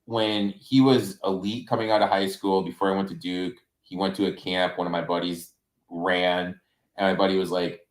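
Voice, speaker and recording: A man's voice: deep voice, little pitch movement, moderate pace, reverberant, low-quality recording. A man co-hosting a podcast, talking casually and plainly about basketball. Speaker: podcast co-host. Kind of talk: casual sports chat.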